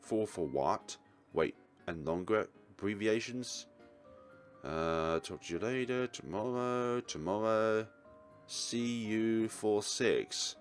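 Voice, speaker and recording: A let's player reads a game's narration and dialogue aloud in a lowish voice at a slow pace. He adds casual asides and short reactions, with faint game music playing behind him.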